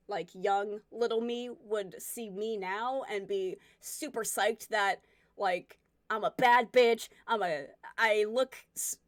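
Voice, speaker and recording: A woman's voice: medium pitch, no room sound, clean studio sound. A woman in her twenties chatting casually with her stream viewers, candid and rambling as she reflects and reacts to comments. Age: 20s.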